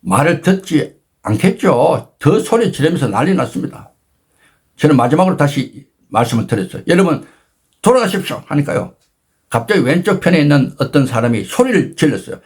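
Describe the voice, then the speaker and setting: Guy in his 60s, husky voice, kinda high, tells his story big and dramatic. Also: very animated, fairly quick, darkish tone. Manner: dramatic, emphatic retelling with sudden pitch jumps. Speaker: channel host telling a personal story. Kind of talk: animated storytelling talk.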